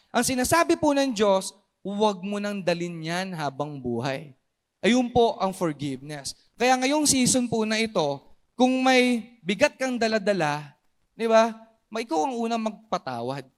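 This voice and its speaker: A high-pitched Filipino man preaches at a church service, his voice climbing and dropping as he drives his points home. He keeps checking in with the congregation and slips English phrases into his sermon. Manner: animated, mixes English phrases, asks the congregation "di ba?" and "Amen?". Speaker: pastor.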